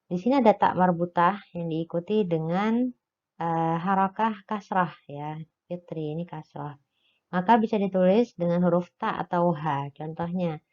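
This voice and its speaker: A woman teaching a recorded lesson, explaining slowly step by step and pausing on "eh" fillers. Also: lowish voice. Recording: dull lo-fi recording.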